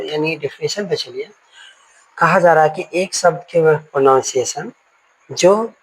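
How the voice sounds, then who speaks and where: Husky man teaching a slow dictated lesson. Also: on the high side, poor audio. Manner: explains slowly, repeats and dictates words one by one. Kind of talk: live online grammar class.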